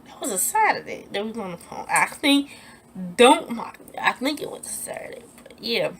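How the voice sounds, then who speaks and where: A young woman telling a personal story in a storytime vlog, animated and emphatic, acting out what people said in a raised voice and repeating herself when upset. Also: fairly high pitch, normal speed, a little hiss or hum. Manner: animated, acts out quoted lines in a raised voice.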